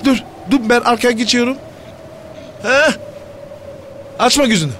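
An actor playing a cheeky young street hustler in a comic radio play, wheedling in slangy talk. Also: male voice, measured pace, fairly bright tone. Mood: coaxing. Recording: noisy background with rumble.

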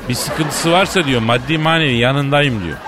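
A man's voice: medium pitch, normal speed, fairly bright tone, a little hiss or hum. A man hosting a comedy radio show, teasing his co-host and staging a fake phone call. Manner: jokey, teasing, mimics the other end of a phone call.

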